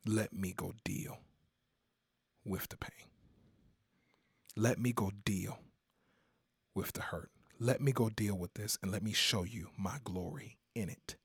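A preacher doing a hushed, tender Jesus. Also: male voice, steady tone, brisk, few pauses, no echo, clean studio sound. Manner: hushed, low and breathy, almost whispered. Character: Jesus, grieving, tender and solemn.

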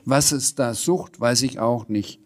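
A man voicing a bossy, excitable older woman landlady who talks in a shrill, impatient way in a storybook reading. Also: a little slow, natural voice. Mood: agitated.

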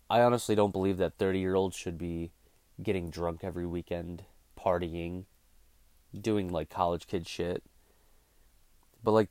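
Here a thirtysomething podcast host rants casually and bluntly on his show, cursing without restraint. His voice is low-pitched with a darkish tone, and the recording has no echo.

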